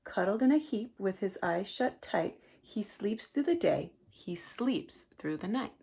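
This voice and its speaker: A woman reading a picture book aloud to children, expressive, with gasps and chatty asides. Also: mid-range voice, measured pace, creaky, husky. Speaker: storybook reader.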